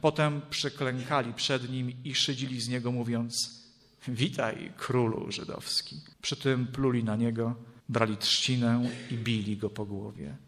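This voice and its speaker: A man reading Scripture and preaching in a solemn, measured way, with dramatic rises in his voice. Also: medium pitch, steady tone, a bit bright. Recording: long hall reverb.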